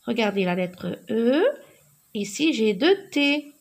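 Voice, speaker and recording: A woman teaching a slow spelling and writing lesson, saying words letter by letter in clear, deliberate diction. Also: a little high, lively intonation.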